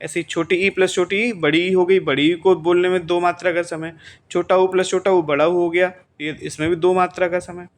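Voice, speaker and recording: A man's voice: high-pitched, flat delivery, normal speed. A male teacher giving an exam-prep grammar lesson, who asks the class questions, answers them himself and repeats the key points.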